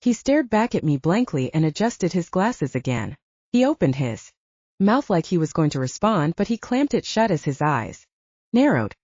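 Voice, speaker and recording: A woman narrating an audiobook in an expressive storytelling way. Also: lowish voice, moderate pace, no room sound. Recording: dull lo-fi.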